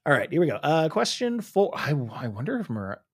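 A young man talks through a quiz in a relaxed, playful way, second-guessing himself as he goes. His pitch swings widely, and he sometimes imitates sounds. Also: brisk, husky. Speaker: quiz player. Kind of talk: casual chat.

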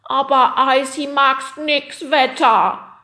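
A shrill, wailing little yeti. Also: female voice, fairly even intonation, slow pace, bright, forceful tone, exaggerated voice. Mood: whiny. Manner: shrill, wailing, broken grammar. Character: small homesick yeti, childlike broken speech.

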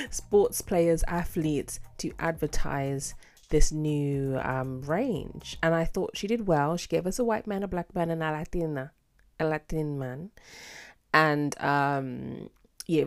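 A British woman hosting a casual solo podcast, with a sassy, theatrical, slangy and expressive way of talking. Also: sits low. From United Kingdom. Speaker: podcast host.

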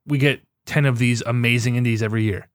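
A young man co-hosting a podcast, sarcastic and animated, swearing as he goes over award results. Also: medium pitch, fast talker, dry recording, clean studio sound. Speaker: podcast co-host. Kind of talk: casual chat.

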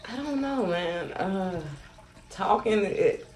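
A man's voice: sits high, expressive, slow pace. A man in his twenties, a comedian from the Kansas City area, chatting as a podcast guest with dry, self-deprecating humor. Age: 20s. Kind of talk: casual interview chat.

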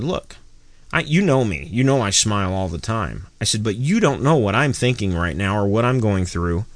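A man casually telling a folksy joke and chatting about quotes, with lively voices for his characters. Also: fairly low pitch, dry recording. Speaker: co-host. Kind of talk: casual storytelling chat.

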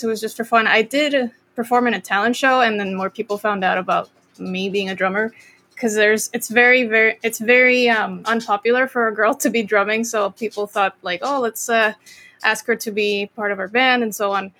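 A woman's voice: on the high side, moderate pace. Young costa rican woman chatting as a guest, lots of ums and restarts, laid back. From Costa Rica. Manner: relaxed, rambling with many fillers and restarts. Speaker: guest drummer. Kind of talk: casual interview chat.

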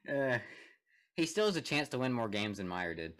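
A young man co-hosting a casual sports podcast, reading statements aloud with joking asides and frequent laughs. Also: mid-range voice. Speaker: podcast co-host.

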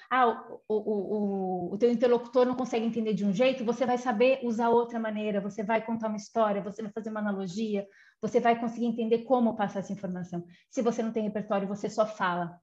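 A woman with a fairly high voice gives an informal lecture, explaining patiently and checking in with little tag questions. The audio is somewhat muffled and lo-fi. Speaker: communication guidance speaker.

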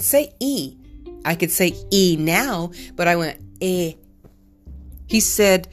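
A middle-aged woman hosting a podcast, telling a personal story in an earnest, candid and reflective way. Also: fairly low pitch. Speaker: podcast host.

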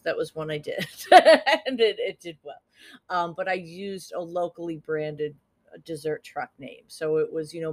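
A woman hosting a podcast on her own, giving social media tips in a chatty, upbeat way and laughing at her own jokes. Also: deep voice. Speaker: podcast host. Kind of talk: casual solo podcast tips.

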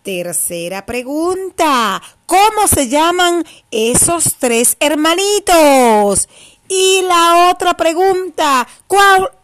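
A woman's voice: very high voice, sing-song, very slow, fairly bright tone. A woman teacher telling a story to young children, affectionate and exclamatory, speaking to them directly.

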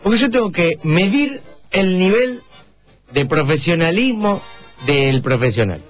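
An Argentine man doing a comic radio column, smug and provocative, stretching words out slowly for effect. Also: high-pitched, big pitch swings, faint music behind. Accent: Argentine Spanish. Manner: smug, provocative, drawn-out deliberate delivery. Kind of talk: comic radio banter in character.

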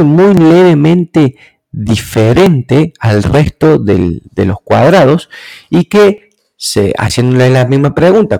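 A man with a gravelly, creaky voice gives an explanatory talk. He speaks at a measured pace and keeps checking in with his listeners through short rhetorical questions. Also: medium pitch, mellow, rough recording.

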